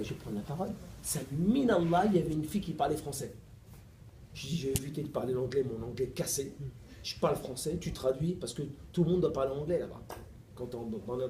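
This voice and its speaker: A middle-aged man, a preacher, tells a lively story to his audience, playful and animated, acting out every exchange. His voice sits a little high but stays warm and mellow. The echoey hall carries a faint background hum. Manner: animated, playful, laughs often, acts out dialogue. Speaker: preacher giving a lecture. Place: mosque. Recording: echoey room recording with faint ambience.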